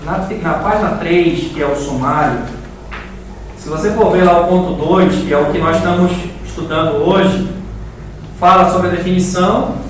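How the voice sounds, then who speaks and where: The audio is very reverberant and far away, with a little noise, as a high-voiced Brazilian man leads a live church class indoors. His teaching is casual and instructive; he repeats words to stress them and keeps turning questions to his listeners.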